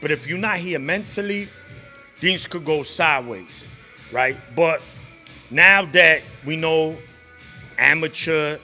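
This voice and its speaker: A man hosts an interview in a boxing gym, coaxing his guest with upbeat praise and frequent "right?" tags. His voice is very bright and sharp, and slightly higher than average for a man. He holds a handheld mic. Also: slow, long pauses, faint music behind. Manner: hyped, encouraging, repeats "right?". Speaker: interviewer, host. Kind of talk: casual interview questions. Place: boxing gym beside a ring, indoors.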